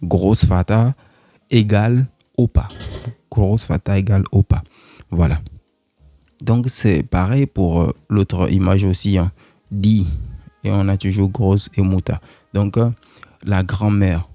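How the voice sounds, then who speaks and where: Male language teacher, low mellow voice, unhurried, repetitive, faint music under a dry recording. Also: no echo. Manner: slow, repetitive, with many fillers. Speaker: German teacher. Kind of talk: online German lesson explained in French.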